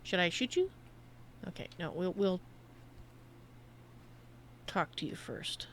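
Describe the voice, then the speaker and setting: A woman's voice: fairly low pitch, big pitch swings, slow pace, slight background noise. Woman casually muttering through game commentary. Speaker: game streamer.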